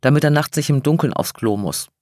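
A man's voice: a little high, animated, brisk, a little mellow, dry recording, clean studio sound, lightly acted. A man voicing a stern, house-proud older woman who speaks in a tense, hissed whisper.

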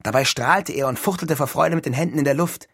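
A man narrating an audiobook in a calm, measured way with a husky voice. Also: a little high, dry recording, clean studio sound. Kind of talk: scripted narration.

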